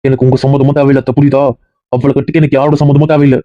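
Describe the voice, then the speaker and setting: Woman doing a young husband, rapid-fire, heated, threatening, dull lo-fi sound, family skit. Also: rumbling low, level tone, mellow, no echo. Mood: defiant. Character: young husband defending his wife, angry. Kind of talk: acted family drama skit.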